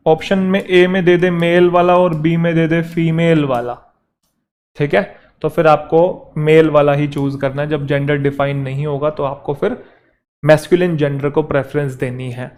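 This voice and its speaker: Male teacher, somewhat high voice, patient step-by-step explainer. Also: flat delivery, darkish tone. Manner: explains step by step, addresses students as "beta", reads example sentences slowly. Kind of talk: classroom grammar lesson.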